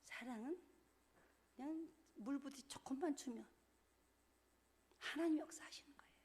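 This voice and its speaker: A middle-aged woman preaching a lively storytelling sermon in church, acting out dialogue with laughter. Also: high-pitched, moderate pace. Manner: animated, acts out dialogue with laughter. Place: church sanctuary.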